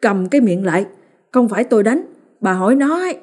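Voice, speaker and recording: A woman's voice: medium pitch, a little fast, dark tone, close to an everyday voice. A woman voicing a short-tempered middle-aged village father who barks curt retorts, as a character in an audiobook. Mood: irritated. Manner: barking, curt.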